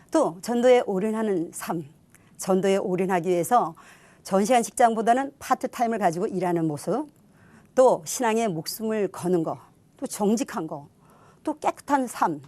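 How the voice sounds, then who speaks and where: A woman's voice: medium pitch, moderate pace, mellow, no room sound. A middle-aged woman giving her church testimony in an earnest, reflective storytelling manner. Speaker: testimony speaker.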